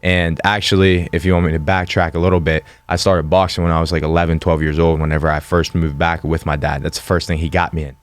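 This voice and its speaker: A man's voice: sits low, level tone, quick pace, few pauses. A man in his twenties from western Pennsylvania, a guest telling his story in a plain, matter-of-fact way. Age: 20s. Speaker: guest, fighter. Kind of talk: casual interview.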